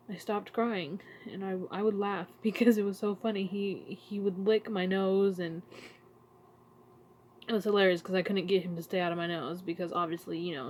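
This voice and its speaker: Tearful woman vlogging, halting speech. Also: fairly low pitch, a little mellow, slight background noise. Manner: emotional, halting, searching for words. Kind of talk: casual heartfelt vlog talk.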